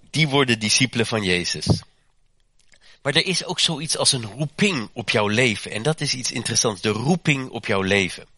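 A man delivers a sermon in a bright, forceful voice, repeating key phrases and climbing in pitch when he presses a point. He often corrects himself mid-sentence with small fillers. The recording is close and dry, with no room sound. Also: dry recording. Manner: emphatic preaching, repeats phrases and rises in pitch for stress; frequent self-corrections and fillers. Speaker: preacher.

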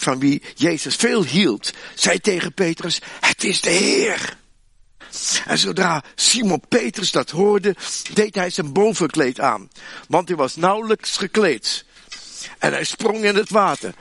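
A man preaching a sermon in a chatty, humorous way, with asides to the listeners, animated and with many restarts. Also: a little high, gravelly, no room sound. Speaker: pastor.

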